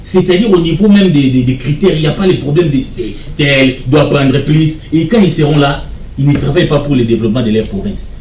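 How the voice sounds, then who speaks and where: A man's voice: a little high, a little fast, a little mellow, reverberant, distant mic, a little hiss or hum. A man, arguing as a guest in a televised political debate, insistent and repeating his points. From Democratic Republic of the Congo.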